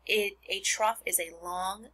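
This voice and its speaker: Breathy, bright-voiced woman teacher. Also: medium pitch, fairly even intonation. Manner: deliberate, careful word-by-word pronouncing and defining. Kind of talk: read-aloud lesson for children, explaining vocabulary. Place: indoors at a desk, screencast over book and worksheets.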